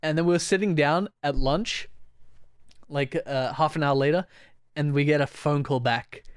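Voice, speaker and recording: A man's voice: on the high side, normal speed, clean tone, no room sound, studio quality. A young man co-hosting a podcast, telling stories in a rambling way, laughing often and acting out quoted voices. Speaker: podcast co-host. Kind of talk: casual chat.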